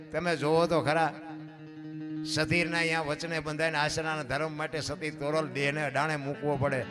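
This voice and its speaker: Guy preaching dayro style, high voice, goes from quiet to really loud, asks the crowd stuff, guitar playing behind. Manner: swings between soft musing and loud impassioned declaiming; asks the audience questions directly. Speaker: folk storyteller. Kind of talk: Gujarati dayro storytelling sermon. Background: guitar music.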